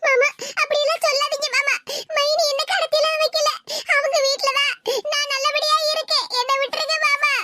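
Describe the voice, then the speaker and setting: A woman's voice: very high voice, level tone, normal speed, heavy background noise. A woman voicing a frightened young woman with a Tirunelveli accent, pleading tearfully with her uncle in a cartoon. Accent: Tirunelveli Tamil.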